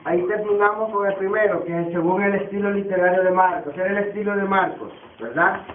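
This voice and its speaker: High-voiced male teacher quizzing his class. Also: steady tone, brisk, a little hiss or hum. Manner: repeats key terms, quizzes the class. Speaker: Bible institute teacher. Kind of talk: classroom lecture. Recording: tinny, echoey distant classroom recording.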